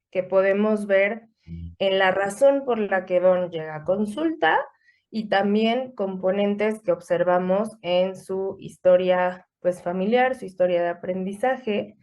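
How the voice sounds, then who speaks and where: Brief: unhurried woman therapist, careful and explanatory, mid pitch. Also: darkish tone. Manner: measured, explanatory, many fillers. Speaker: psychotherapist guest. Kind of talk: clinical explanation in conversation.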